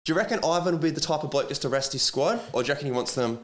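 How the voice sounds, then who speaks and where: A man's voice: a little high, expressive, very fast. An Australian man hosting a sports podcast in casual chat, with a blokey, matey, slangy manner like a tradie.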